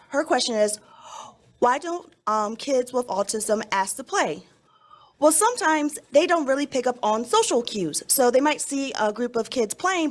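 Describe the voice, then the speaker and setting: A woman teacher explaining things to young children in simple, instructive phrases during a school announcement. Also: on the high side.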